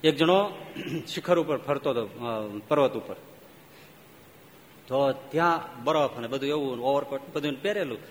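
A male swami giving a sermon, telling fables lively and firing rhetorical questions at his listeners. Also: medium pitch, measured pace, a little hiss or hum. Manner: animated storytelling, rhetorical questions to the audience. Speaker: swami giving a religious discourse. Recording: reverberant hall, faint ambience.

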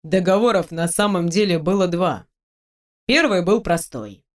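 A reader voicing a cunning, powerful male mage lord who speaks calmly and tersely in an audiobook. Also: medium pitch, a little slow, natural voice. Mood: explaining. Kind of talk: audiobook character voice.

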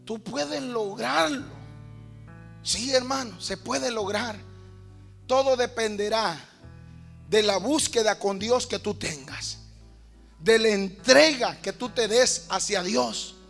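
High-pitched gravelly male preacher. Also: slow, soft background music. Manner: builds to shouted, rhythmic preaching with repeated phrases; addresses listeners as brothers. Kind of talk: sermon.

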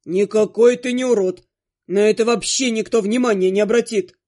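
A woman's voice: steady tone, moderate pace, dark tone, lightly acted. A woman voicing a grumpy but caring male ghost monster in an audiobook, with curt, grumbling lines. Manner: curt, grumbling, low put-on voice. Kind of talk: audiobook character voice.

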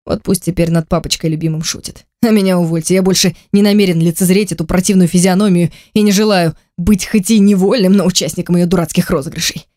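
An audiobook reader narrating in an even, measured first-person voice at a middle pitch. The sound is close and very dry, as from a treated booth. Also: no room sound.

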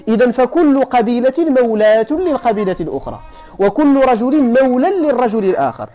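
A man with a Moroccan accent giving a classroom lecture on hadith terms, explaining each point and often asking his students whether it is clear. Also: very high voice, darkish tone. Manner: explains then checks if students follow. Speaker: teacher of hadith sciences.

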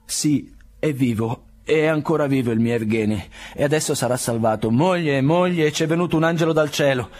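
A man's voice: fairly low pitch, steady tone, moderate pace, dark tone, breathy edge. A man voicing a frantic, pleading old father. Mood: overjoyed. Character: old country doctor, anxious, pleading father.

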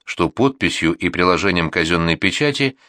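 A man reading a war memoir aloud as an audiobook narrator, with an expressive, measured delivery. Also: sits low, no room sound, clean studio sound.

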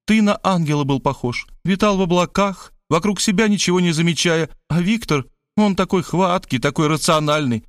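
A man's voice: moderate pace, few pauses, dry recording, clean studio sound, natural voice. A man voicing a doting, dramatic middle-aged woman who pleads with gushing, theatrical exclamations. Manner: gushing, pathetic exclamations, high-pitched. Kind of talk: audiobook character voice.

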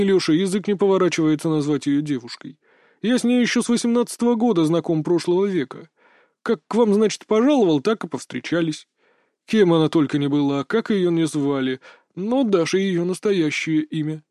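Male reader as cruel old sorcerer: folksy, sly, higher than his own voice, dry close read. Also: dark tone, no room sound. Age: older. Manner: folksy, chatty, mock-tender.

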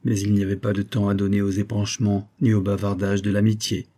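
A man narrating a classic novel aloud, measured, raising his voice for the characters' lines. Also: lowish voice, flat delivery, mellow. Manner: measured, lifts voice for dialogue. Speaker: audiobook reader.

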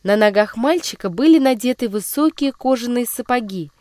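A woman narrates a classic children's story with a measured, expressive delivery. Her voice sits a little high, and the recording is dry with no room sound. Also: dry recording.

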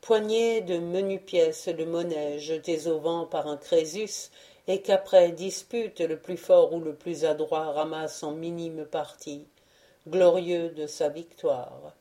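A woman narrating a literary audiobook with a low, dark voice. She reads slowly and with measured care, letting each phrase settle before going on. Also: fairly even intonation. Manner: measured, unhurried reading. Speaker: audiobook reader.

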